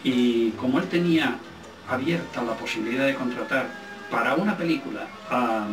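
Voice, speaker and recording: An older man with an accent from Spain reminisces casually in an interview. His mid-pitched voice sounds distant in an echoing room, and he pauses to search for words, repeating some for emphasis. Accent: Spanish, from Spain. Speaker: film director being interviewed. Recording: roomy, distant microphone, faint music.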